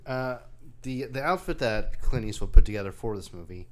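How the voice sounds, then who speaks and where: A man co-hosting a casual film podcast, talking in a relaxed, halting way with many fillers. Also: mid-range voice, background noise. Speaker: podcast co-host.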